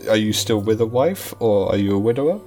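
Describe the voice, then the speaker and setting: A man's voice: on the low side, expressive, a little fast, warm tone, soft background music. A man playing a tabletop role-playing game, talking casually in character.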